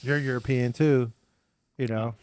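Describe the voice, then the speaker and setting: A man's voice: medium pitch, steady tone, measured pace, darkish tone. A young adult man and father, co-hosting a podcast in casual, joking banter. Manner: joking, teasing, laid-back. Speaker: podcast co-host. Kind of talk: casual chat.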